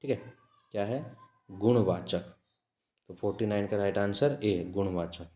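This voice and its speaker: A man teaching as an exam-prep tutor, reading out test questions, then repeating each answer in a measured way. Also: on the low side, dark tone, roomy sound. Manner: measured, repeats answers with frequent "ठीक है" checks.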